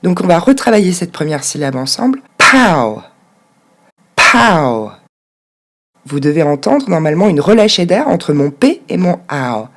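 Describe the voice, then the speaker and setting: A woman gives an English pronunciation lesson. Her voice sits on the low side, but her intonation swings widely. She breaks words into slow, clear syllables for her students. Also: big pitch swings, a little mellow. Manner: clear, instructive, models words slowly syllable by syllable.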